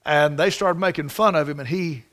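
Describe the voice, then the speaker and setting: Male preacher, high-pitched, fervent sermon storyteller. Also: moderate pace. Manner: swings from hushed to loud and fervent.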